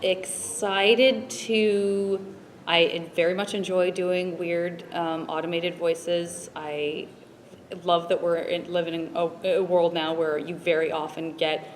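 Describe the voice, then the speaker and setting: Woman cast member, lively and animated, lowish voice, long hall reverb behind her. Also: takes it slowly, slight background noise. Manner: animated, jumps up in pitch when excited. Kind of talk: casual interview chat.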